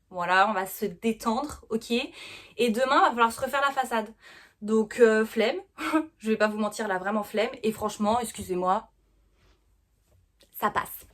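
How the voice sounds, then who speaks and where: A young woman vlogging casually to her phone camera, chatty and playful, with frequent fillers and laughs. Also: a little high. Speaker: dance vlogger. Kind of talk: casual vlog chat to camera. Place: at home, then cycling outdoors and at a café.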